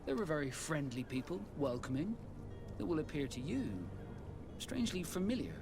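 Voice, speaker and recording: An actor playing a proud, dignified seafaring guild captain in a video game, speaking in a measured way. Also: male voice, a little high, big pitch swings. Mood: measured, informative. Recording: music behind the dialogue.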